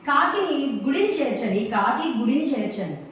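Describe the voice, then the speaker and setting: A woman teacher drilling letter signs for children, slowly repeating each sound and asking and answering her own questions. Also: high-pitched, very animated, a bit bright, far from the mic, a little hiss or hum. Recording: very echoey room, voice away from the mic.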